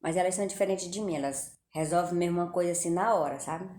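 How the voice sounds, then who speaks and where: A woman's voice: lowish voice, quick pace, dark tone. A middle-aged Brazilian woman chatting casually to her viewers at home, talking straight to them and often dropping religious phrases. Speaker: vlogger. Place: home kitchen. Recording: echoey room with faint ambience.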